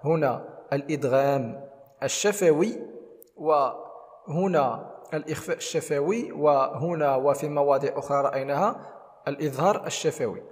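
A man's voice: on the high side, moderate pace, long pauses, big-room sound. A man teaching Quran recitation rules, explaining each rule methodically step by step. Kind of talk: tajweed lesson with demonstrations.

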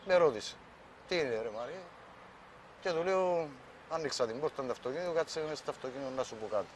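Ένας άνδρας με κυπριακή προφορά αφηγείται ως αυτόπτης μάρτυρας σε συνέντευξη ντοκιμαντέρ, μεταφέροντας τα λόγια άλλων. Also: male voice, on the high side, slight background noise. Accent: Cypriot Greek. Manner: plain storytelling, quoting others. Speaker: eyewitness. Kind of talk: documentary interview testimony.

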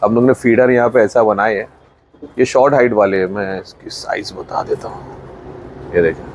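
A man's voice: on the low side, normal speed. Man with a Mumbai Hindi accent, farm owner doing casual phone-camera vlog narration outdoors, chatty, faint noise behind. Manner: chatty, points things out, mixes in English words. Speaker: farm owner filming his buffalo feeding.

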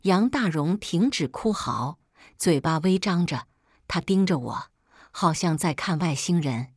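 Female storyteller with a low voice, dramatic first-person family drama narration, dry close mic. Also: animated, a little slow, husky, no room sound. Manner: dramatic reading with quoted dialogue.

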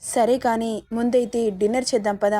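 A woman voicing a calm young man who gently coaxes and teases the heroine. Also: on the high side, normal speed, close to an everyday voice. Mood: coaxing. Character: young man, calm, teasing, protective hero.

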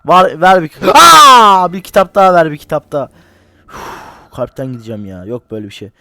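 A man's voice: a little high, big pitch swings, quick pace, fairly bright tone, no room sound. A young man giving casual, unedited commentary on a horror game. He talks jokily, swears and yelps whenever something frightens him. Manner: jumpy, swears and yelps when scared, joking. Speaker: gaming channel host. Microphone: desk mic, separate from game audio.

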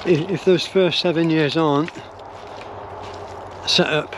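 On a woodland path with his dogs, an older Englishman rambles through his views, pausing and restarting with many fillers. He speaks slowly in a steady tone, his voice a little high for a man. Recorded on a phone or camera at arm's length, with wind and distant traffic clearly behind him.

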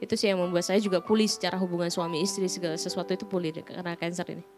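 A woman guest, sharing an earnest personal testimony in a halting way, with many restarts. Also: fairly low pitch, little pitch movement. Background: soft guitar music.

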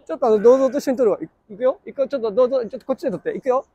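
A man's voice: very high-pitched, rapid-fire, warm tone, husky, no room sound, lo-fi sound. A man hosting a casual outdoor vlog, chatting playfully and repeating short phrases. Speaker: host of a street stunt video. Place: city street and plaza at night, outdoors.

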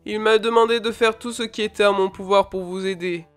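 A woman voicing a stern, fatherly older lord with a beard, speaking in a grave, measured way. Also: medium pitch, fairly even intonation, faint music behind, voice pushed down, close to an everyday voice.

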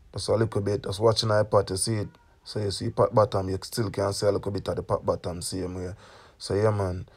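A man's voice: on the low side, husky. A young man with a Jamaican accent demonstrating a recipe in his home kitchen, talking casually and often checking in with "you get me?". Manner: chatty, keeps asking "you get me?". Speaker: cooking channel host.

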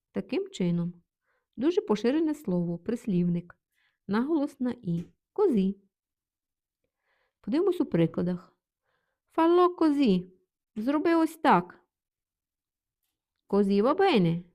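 Female tutor, mellow tone, reads example sentences and glosses each. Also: on the high side. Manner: reads example phrases, then translates each. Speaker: language teacher. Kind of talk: explaining vocabulary with examples.

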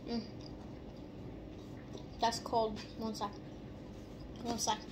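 A young woman's casual chatter comes muffled from behind her hand while she eats. Her voice sits a little high. There is steady noise behind her. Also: extremely slow. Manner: chatty, talking while chewing. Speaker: vlogger. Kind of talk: casual food-tasting vlog. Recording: clear background noise.

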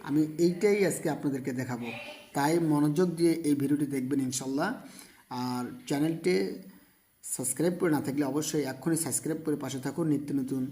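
Brief: male Quran teacher, a bit higher-pitched, patient letter-by-letter spelling with chanted readings. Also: fast talker, dark tone. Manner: patient step-by-step letter spelling, breaking into melodic recitation. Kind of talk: spelling out Quran recitation lesson.

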